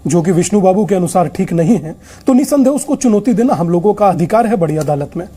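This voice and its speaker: A man's voice: high-pitched, expressive, quick pace, warm tone, breathy edge. A man arguing insistently as a religious guest on a heated TV news debate, often talking over the other guest.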